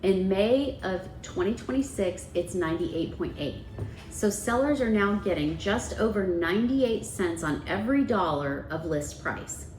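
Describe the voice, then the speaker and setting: A woman's voice: medium pitch, lively intonation, unhurried, darkish tone. A woman real estate agent presenting a market report in an explanatory way, leaning on key words for emphasis. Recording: echoey room, faint background noise.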